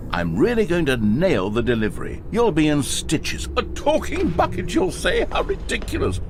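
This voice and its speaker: An actor playing a fussy, theatrical narrator in a video game, vain, easily crushed, wordy and pompous. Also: male voice, medium pitch, noisy background. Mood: giddy.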